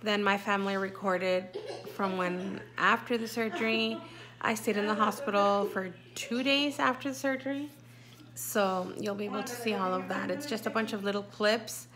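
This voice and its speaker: A woman's voice: medium pitch, steady tone, normal speed, a crowd in the background. A young woman vlogger talking casually to camera in a hospital, rambling with lots of fillers. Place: hospital room.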